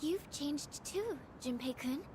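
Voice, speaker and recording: Anime game schoolgirl: high, soft, shy, hesitant, rumble behind. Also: animated, takes it slowly. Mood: gentle, hesitant. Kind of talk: dubbed anime game dialogue.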